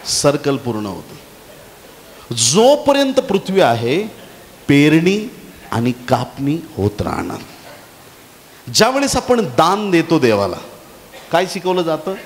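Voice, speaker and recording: A man's voice: fairly high pitch, huge pitch swings, slow pace, pauses often. A male pastor preaching in a church hall, his voice ringing with a long echo over a faint hiss. He tells stories with animation and keeps asking the congregation for their amens. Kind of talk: sermon.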